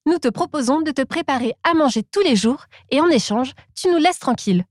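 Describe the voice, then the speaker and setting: A woman voicing a polite, eager monkey in a children's storybook reading, speaking gently and softly. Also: high voice, expressive, brisk, no room sound, clean studio sound, voice pushed up. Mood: earnest. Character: polite eager monkey, small forest animal.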